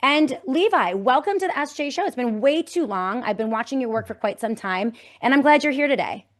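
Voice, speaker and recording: A woman's voice: high voice, expressive, brisk. A woman hosting a political talk show, speaking in an emphatic, campaigning way. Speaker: host.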